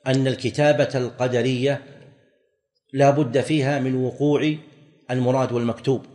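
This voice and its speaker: A man teaching a religious lesson, explaining verses in a measured way and repeating his points. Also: mid-range voice, a little mellow. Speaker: Islamic scholar teaching. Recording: recorded lecture with long hall reverb.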